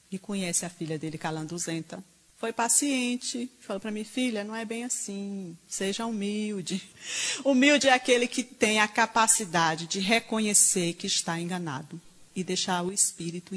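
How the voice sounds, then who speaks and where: Woman preaching in an echoing hall. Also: medium pitch. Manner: animated storytelling, quoting others in dialogue. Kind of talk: sermon. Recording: reverberant hall.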